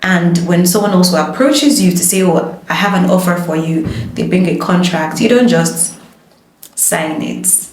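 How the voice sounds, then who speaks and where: A woman's voice: fairly low pitch, moderate pace. A woman, a lawyer and voice-over artist, giving emphatic, passionate advice in a casual conversation. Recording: roomy echo.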